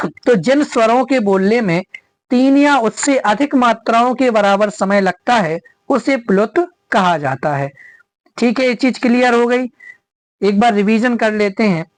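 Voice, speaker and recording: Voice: mid-range voice, measured pace, dry recording. A teacher giving a grammar lesson, repeating each definition and checking in with rhetorical questions.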